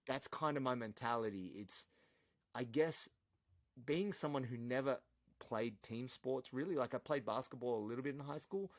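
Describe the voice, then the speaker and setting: An Australian man, a podcast guest, chatting casually and telling animated, swear-laced stories. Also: mid-range voice, moderate pace, no room sound. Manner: animated storyteller, swears freely.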